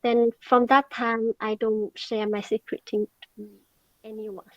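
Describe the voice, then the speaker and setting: Slow, halting woman on a muffled call. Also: fairly high pitch, level tone, no room sound. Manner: halting, searching for words with long pauses. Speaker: beginner English learner answering practice questions. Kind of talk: practice speaking test answers.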